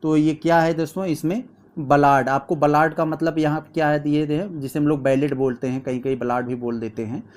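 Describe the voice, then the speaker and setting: Male tutor, slightly high voice, patient step-by-step exam explainer. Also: flat delivery, darkish tone. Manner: explains step by step, reads questions aloud slowly. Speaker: teacher. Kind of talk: exam practice lesson.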